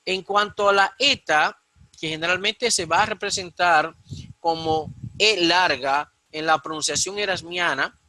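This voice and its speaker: A man's voice: sits high, a little slow, pushed and bright, no echo, low-quality recording. A man from the Dominican Republic teaching a recorded lesson on Greek pronunciation, explaining step by step with frequent fillers and restarts. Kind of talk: recorded lecture.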